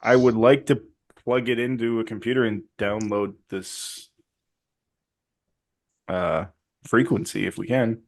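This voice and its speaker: A man playing a tabletop role-playing game who talks in a halting, jokey way. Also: lowish voice, steady tone. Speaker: player.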